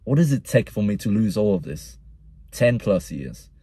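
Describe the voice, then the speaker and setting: A man's voice: fairly low pitch, big pitch swings, moderate pace, dark tone, breathy edge, no echo. A young man with a mixed Vietnamese-Australian accent, rambling and soul-searching in a casual personal vlog monologue, often repeating himself. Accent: Vietnamese-Australian mix. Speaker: vlogger.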